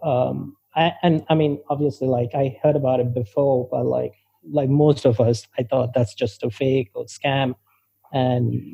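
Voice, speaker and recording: A man's voice: medium pitch, gravelly, mellow, breathy edge, dry recording. A man from Sri Lanka, a guest in an interview, speaking hesitantly with many fillers. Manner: hesitant, many ums and likes. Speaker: guest, crypto company co-founder. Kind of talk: casual interview answers. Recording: dull, muffled call audio.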